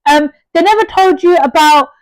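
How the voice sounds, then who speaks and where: High-voiced chatty woman. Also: normal speed, dry recording, faint music behind, poor audio. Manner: chatty and animated, jumps in with questions and tangents. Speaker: podcast co-host. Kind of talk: casual chat.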